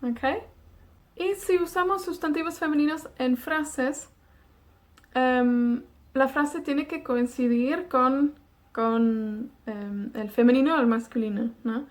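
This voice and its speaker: A woman from Wales teaching a beginner language lesson, slow and patient, repeating each word twice. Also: high-pitched. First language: Welsh. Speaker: Welsh teacher.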